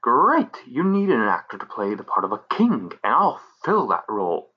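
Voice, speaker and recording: A man's voice: medium pitch, wildly swooping pitch, normal speed, breathy edge. A man voicing an eager, confident male actor who encourages his friend. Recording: muffled lo-fi recording.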